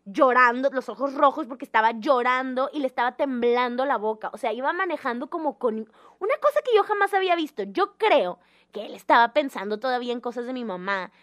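High-voiced woman telling a story. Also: brisk. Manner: animated, dramatic, acts out the voices in her story. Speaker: guest telling a personal story. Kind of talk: casual storytelling chat.

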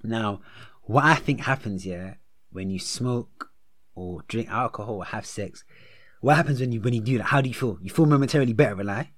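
Young London roadman, slangy and animated. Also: on the low side, moderate pace. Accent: London, urban roadman slang style. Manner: slangy, repeatedly tagging phrases with "innit" and "yeah". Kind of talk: animated casual chat.

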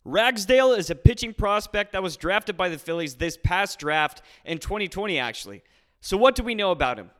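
A man's voice: high voice, expressive, fairly quick, a bit bright. A man hosting a solo sports podcast from a garage, speaking to listeners in an upbeat, announcer-like way through scripted commentary. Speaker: podcast host. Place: recorded in a garage.

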